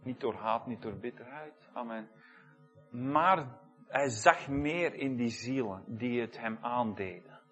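A man preaching a sermon emphatically, dotting his phrases with amen and moving between loud and soft delivery. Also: mid-range voice, slow.

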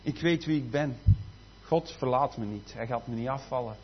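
A man preaching a sermon, dropping to soft asides and then rising to loud, emphatic declarations. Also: medium pitch, normal speed. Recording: slightly muffled, faint background noise.

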